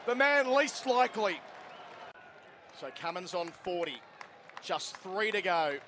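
A man's voice: high voice, sing-song, unhurried, fairly bright tone. A man giving live radio cricket commentary, describing the play in short running phrases. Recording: clear crowd noise at outdoor ground. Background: cricket crowd, outdoor ambience.

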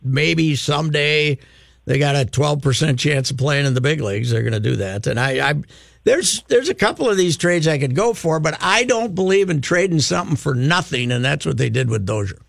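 A blunt sports radio host argues his opinions with a high, gravelly voice. He sounds close and dry in the studio, with no room echo, and he gets loud when he pushes a point. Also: brisk. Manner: blunt and animated, rising to shouts when making a point.

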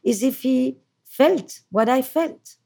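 Gently probing woman therapist. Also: high-pitched, animated, slow, vocal fry. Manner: reflective, tentative, gently probing. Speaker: therapist host. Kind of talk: therapy conversation.

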